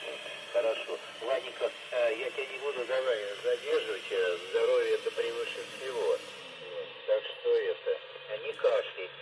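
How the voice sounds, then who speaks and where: A man from Russia chats casually as a radio operator, rambling and hesitant with many fillers. His mid-range voice has fairly even intonation at a normal speed, heard over a noisy two-way FM radio with loud static.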